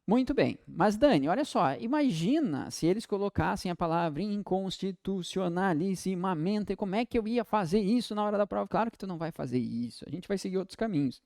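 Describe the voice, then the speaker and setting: Lively Brazilian teacher, dry close sound. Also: male voice, high voice, vocal fry, no room sound. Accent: Brazilian Portuguese. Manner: lively, drawn-out example words. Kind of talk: exam-prep lesson.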